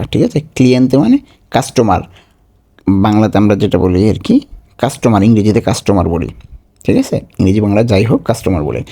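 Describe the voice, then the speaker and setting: A man's voice: mid-range voice, mellow. A man teaching a vocabulary lesson. He says each word and its meaning over and over, and keeps asking whether his listeners follow. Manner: repeats each word slowly, asks checking questions. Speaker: language teacher.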